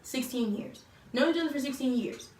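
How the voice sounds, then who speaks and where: A woman's voice: sits high, animated, a little fast, a little mellow. Chatty teen girl, distant roomy mic. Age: teens. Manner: chatty, lots of fillers, acts out quotes. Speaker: vlogger telling a couple's story. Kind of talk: casual storytelling to viewers. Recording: roomy echo, distant mic, faint noise.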